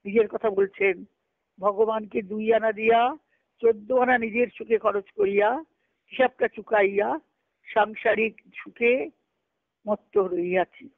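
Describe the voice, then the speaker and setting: Medium in pitch with fairly even intonation, her voice moves at a measured pace with long pauses. She's a spiritual discussion speaker on a group conference call, reading letters aloud and explaining them didactically while repeating phrases. The tinny, band-limited phone audio has no echo.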